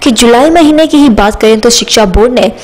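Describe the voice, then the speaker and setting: A woman reading a scripted news report as a voice-over, steady and even. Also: a little high, a little fast, low-quality recording.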